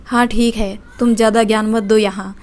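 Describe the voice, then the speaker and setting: Drunk rude young husband, insulting and dismissive, higher voice, flat delivery, as a woman reads him. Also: moderate pace, close to an everyday voice. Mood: contemptuous.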